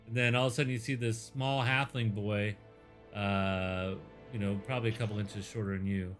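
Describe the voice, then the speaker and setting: A man's voice: lowish voice, fairly even intonation, normal speed, music in the background. A man narrating a tabletop game as game master, in a loose, rambling way. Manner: loose, filler-heavy storytelling.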